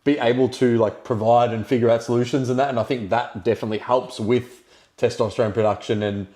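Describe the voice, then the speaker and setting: A man co-hosting a podcast, agreeable and halting, often searching for his words. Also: medium pitch, steady tone, dark tone. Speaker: podcast co-host. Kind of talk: casual podcast chat.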